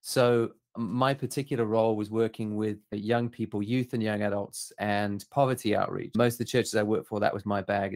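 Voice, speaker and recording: Middle-aged male guest from Southern Africa, lowish voice, candid and introspective. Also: darkish tone. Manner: thoughtful, candid, self-questioning. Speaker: guest photographer. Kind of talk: reflective interview talk.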